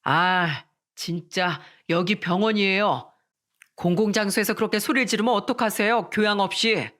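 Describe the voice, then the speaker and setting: A woman's voice: fairly high pitch, lively intonation, moderate pace, fairly bright tone. A woman voicing an arrogant, cruel male doctor who sneers at his sick wife. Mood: sneering. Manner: sneering, contemptuous.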